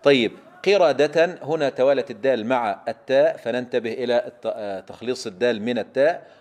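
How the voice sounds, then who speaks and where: A man's voice: mid-range voice, darkish tone. Emphatic man teaching recitation. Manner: slow, emphatic drilling of sounds, asks students to repeat. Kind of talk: tajweed lesson.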